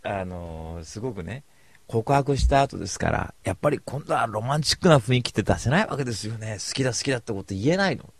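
A man hosting a talk show, telling a rambling casual anecdote in close studio sound, swinging from mumbled asides to loud bursts. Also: medium pitch, animated, quick pace, gravelly, slightly rough, no echo.

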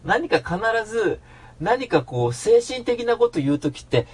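A man hosts an internet radio show alone in a casual solo monologue, telling rambling anecdotes and acting out the voices of people he quotes. His voice is high, husky, and sing-song with a darkish tone, at a measured pace.

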